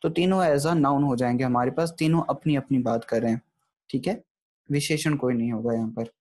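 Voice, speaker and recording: A man's voice: mid-range voice, brisk, darkish tone. A man giving an online grammar lecture, explaining step by step and often checking in with his listeners. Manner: explanatory, keeps checking in with "thik hai". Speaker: Gurbani grammar teacher.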